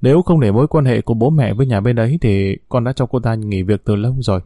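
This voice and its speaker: A man's voice: mid-range voice, fast talker, mellow, no echo, studio quality, natural voice. A man reading a storybook as a sarcastic young company boss, speaking in a stern, cutting way. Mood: wry.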